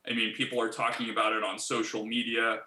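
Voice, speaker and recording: A man in his thirties, a company chief executive, answering interview questions in a measured way with many fillers and restarts. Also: on the low side, monotone, bright, forceful tone, echoey room. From Bulgaria.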